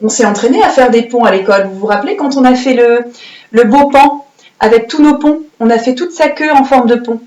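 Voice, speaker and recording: A woman teaching young children to write letters, patient and encouraging, dictating slowly and adding playful sound effects. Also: fairly high pitch, a little mellow. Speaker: primary school teacher. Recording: roomy echoey room.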